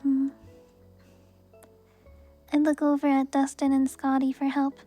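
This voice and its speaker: Young woman, soft ASMR reader, high flat delivery, gentle and even. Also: measured pace, soft background music. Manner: soft, even reading voice with brief laughs at the text. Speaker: streamer reading a book aloud.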